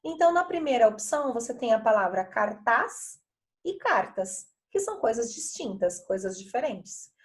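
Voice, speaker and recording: A woman's voice: on the high side, very animated, brisk, hardly any pauses, darkish tone. A middle-aged woman teacher from Brazil walking pupils through workbook exercises in a video lesson, patient and chatty, often checking that they follow.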